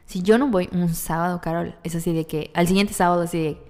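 A woman from Mérida with a Yucatecan accent, co-hosting a casual podcast chat, relaxed and laughing often. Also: fairly low pitch, fast talker, in a large hall. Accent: Yucatecan Spanish. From Mérida, Mexico. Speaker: podcast co-host.

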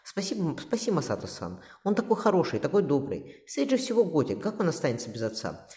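A man reading an audiobook, voicing a gentle, devout teenage girl who pleads in prayer. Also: a little high, huge pitch swings, brisk, voice pushed up. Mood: pleading. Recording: roomy reverberant room.

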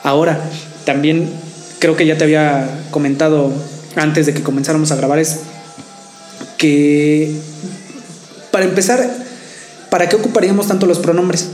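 A man's voice: on the high side, fairly even intonation, normal speed, pauses often, a little mellow. A man in casual debate chat, co-hosting a podcast, hesitating and repeating words as he argues. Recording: roomy echo with faint music.

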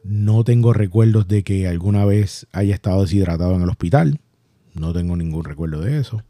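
A Puerto Rican man with a Puerto Rican Spanish accent, hosting a podcast and recounting a personal story in a halting, reflective way. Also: low-pitched, warm tone, no room sound, studio quality. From Puerto Rico. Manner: halting, reflective, many restarts and fillers. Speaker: podcast host.

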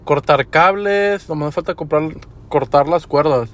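Speaking at a measured pace with a fairly high voice, a young Mexican-Spanish-accented man tells work stories on his podcast. He's laid-back, slangy, and crude throughout.

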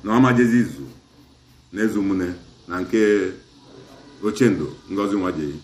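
A middle-aged man from Nigeria with an Asaba Igbo accent, a chief, describes a community dispute in an interview, blending Igbo and English through long recounting turns. He speaks at a moderate pace in a low-pitched, darkish voice, and the audio is reverberant.

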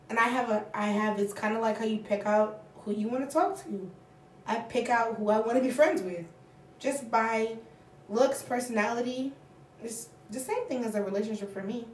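A woman's voice: a little high, a little hiss or hum. Laid-back young woman, echoey and distant. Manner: laid-back, rambling, playful. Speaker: podcast co-host. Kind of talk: casual chat. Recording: echoey room, voice a bit far off.

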